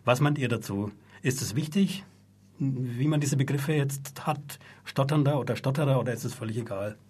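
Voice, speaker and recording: Husky-voiced male radio host. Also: mid-range voice, moderate pace, darkish tone. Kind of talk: radio talk show hosting. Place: radio studio.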